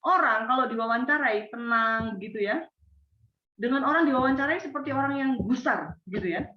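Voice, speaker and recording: A woman lecturing university students, expressive and lively, acting out example answers and checking that the class follows. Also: on the high side, moderate pace. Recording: echoey, distant, dull sound.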